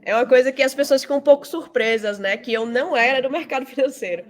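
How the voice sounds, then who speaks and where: High-voiced and fast-talking, a Brazilian woman from Salvador, Bahia gives explanatory, conversational interview answers full of "né" tag questions. She's the guest, a fintech founder and CEO.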